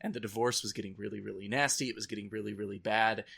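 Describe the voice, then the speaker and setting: A man co-hosts a podcast, chatting casually about nightmares and horror films in an informal, wry, self-deprecating way. His fairly low voice is creaky, husky and fairly bright, with quick pacing and fairly even intonation.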